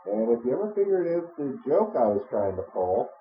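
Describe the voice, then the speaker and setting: A man's voice: mid-range voice, big pitch swings, brisk, slight background noise. A young man joking and laughing as he comments on a video game. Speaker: let's play co-host. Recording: echoey room, muffled audio.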